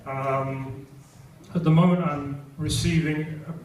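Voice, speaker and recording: A man's voice: fairly high pitch, steady tone, slow, darkish tone. Older British man speaking in an echoey hall. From Britain. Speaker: event speaker. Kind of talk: testimonial speech at an event. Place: large event hall. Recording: echoey hall, distant mic, noisy.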